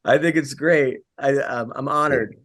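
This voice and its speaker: A man hosting a casual podcast chat, telling comic stories with quick asides. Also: medium pitch, a bit bright. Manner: storytelling, quick asides, laughs through stories. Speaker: podcast host and comedian.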